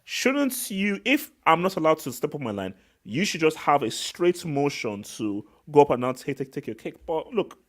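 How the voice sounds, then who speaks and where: A man hosting a casual live football reaction chat, slangy and animated, repeating words for emphasis. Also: fairly high pitch, moderate pace, hardly any pauses. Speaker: live stream host.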